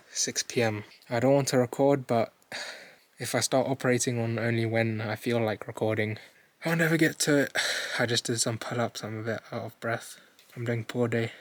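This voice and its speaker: A young man recording a candid video diary, rambling and hesitant, swearing casually, sounding low and dejected. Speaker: vlogger.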